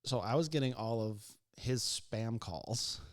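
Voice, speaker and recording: A man's voice: mid-range voice, a little slow, a little hiss or hum. Profane, laughing male storyteller. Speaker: podcast co-host. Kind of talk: casual chat.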